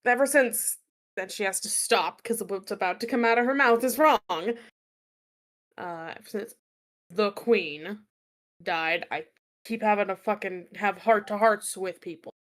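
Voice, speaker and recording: A woman's voice: medium pitch, measured pace, lightly acted. A woman voicing Naz, a blunt, guarded young woman who swears and blurts out what she means.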